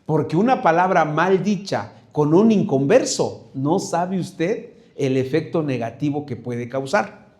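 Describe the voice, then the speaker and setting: Middle aged pastor guy preaching, fairly high voice, lots of ehs and restarts, gets the church to repeat lines. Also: animated, measured pace, darkish tone. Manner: conversational preaching with frequent hesitations and repeated words; asks the congregation to repeat after him. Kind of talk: sermon.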